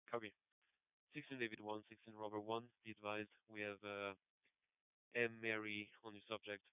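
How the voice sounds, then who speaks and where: A male police dispatcher coming through a police radio transmission, his lowish voice steady and flat as he reads clipped call codes. The sound is very clean yet squeezed into a narrow, phone-like band, dry with no room around it. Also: moderate pace, smooth, dry recording.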